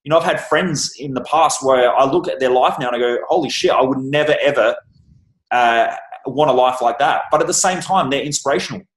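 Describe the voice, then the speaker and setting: A man's voice: mid-range voice, a little fast, fairly bright tone. Blunt swearing man, echoey room. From Australia. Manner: blunt, emphatic, swears freely. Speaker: guest, success coach. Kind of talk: casual podcast interview. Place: room with a bookshelf.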